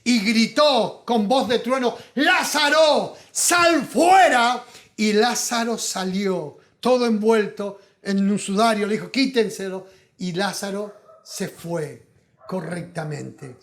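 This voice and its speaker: A man with a Rioplatense Spanish accent preaching a sermon as pastor, swinging from loud emphatic calls to hushed asides. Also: high-pitched, slow pace. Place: auditorium.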